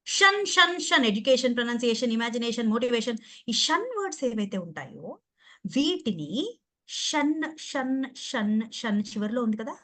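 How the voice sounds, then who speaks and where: A woman's voice: a little high, sing-song, normal speed, fairly bright tone. A woman with a Telugu accent teaching pronunciation in an online class over a video call, playful and teasing as she quizzes her students. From Andhra Pradesh or Telangana, India. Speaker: English pronunciation trainer.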